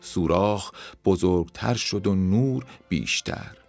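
A man calmly narrating a children's story in a measured reading voice. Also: deep voice, vocal fry, faint music behind.

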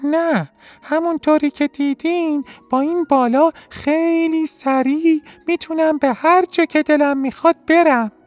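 Tiny squeaky winged snail. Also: male voice, steady tone, few pauses, dry recording. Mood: earnest. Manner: high, thin, strained little voice. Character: small shy winged snail who dislikes its wings.

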